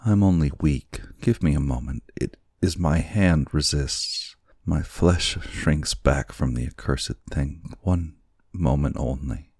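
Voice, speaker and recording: A man's voice: slow, slightly rough, dry recording, clean studio sound, exaggerated voice. A man reading an audiobook, voicing a frightened, desperate young wife in a trembling, raised voice. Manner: pleading, trembling, raised pitch.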